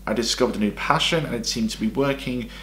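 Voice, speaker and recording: A man narrating his own documentary in a measured, personal and earnest voice-over. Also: medium pitch, fairly bright tone, slight background noise. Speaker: documentary maker and interviewer. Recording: voice-over with music underneath.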